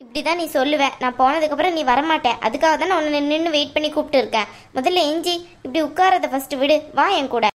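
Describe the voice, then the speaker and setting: A woman's voice: high-pitched, quick pace, close to an everyday voice. A woman voicing a caring young cartoon woman who coaxes her sister to come and eat. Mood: insistent. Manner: coaxing, insistent. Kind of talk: cartoon voice acting.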